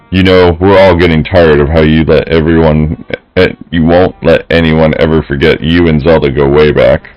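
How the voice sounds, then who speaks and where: A man's voice: a bass voice, dull audio. A man voicing a swaggering young male bully who taunts a classmate in a video game.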